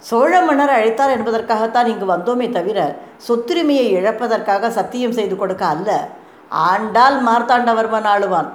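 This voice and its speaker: A woman's voice: fairly high pitch, normal speed, lightly acted. A woman voicing a proud, hot-tempered male court priest who speaks indignantly, in an echoey room. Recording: echoey room, faint noise.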